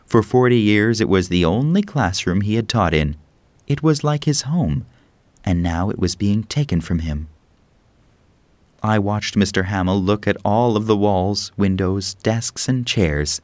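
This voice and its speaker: A man reading a story aloud as narrator, in a measured, plain storytelling manner. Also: fairly low pitch, a little mellow, dry recording. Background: music.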